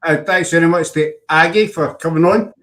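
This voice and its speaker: On his relaxed online chat show, a Scottish podcast host with a Glaswegian accent jokes with and teases his guest, throwing in Scots words. His voice sits on the higher side, fairly bright, at an ordinary speed.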